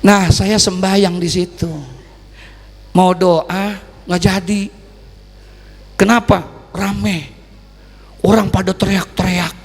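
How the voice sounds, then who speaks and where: A high-voiced man preaches a sermon. He is a lively storyteller who rises into loud sung calls and then drops to quiet asides. The hall around him rings with a long reverb. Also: slow, pauses often. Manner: folksy Jakarta colloquial speech. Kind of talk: Islamic sermon.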